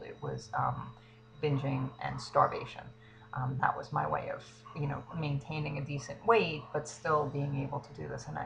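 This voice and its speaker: A woman in her thirties, a fitness coach, speaking haltingly and close to tears in a confessional vlog. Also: rumbling low, vocal fry, rough recording. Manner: hesitant, halting, frequent ums. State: emotional, near tears.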